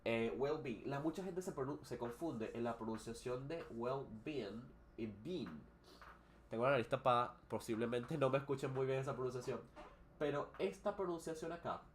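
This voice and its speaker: A man teaches English live, his medium-pitched voice animated and at a moderate pace, with slight noise in the background. He goes back and forth between Spanish and English, explaining words and pronunciation with many fillers, hesitations and restarts.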